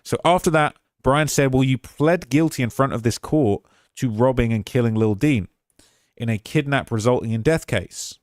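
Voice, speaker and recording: A man's voice: normal speed, no room sound, studio quality. Man reading out courtroom notes. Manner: relays quotes in a rising, emphatic tone, asides dropped low and quiet. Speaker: commentator recapping courtroom testimony. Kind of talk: reading handwritten notes of a court exchange aloud.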